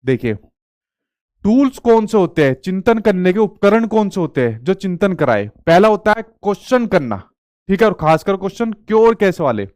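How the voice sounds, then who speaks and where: A man's voice: high-pitched, very animated, normal speed, darkish tone, dry recording, studio quality. A male teacher giving an exam-prep lecture, asking and answering his own questions as he explains.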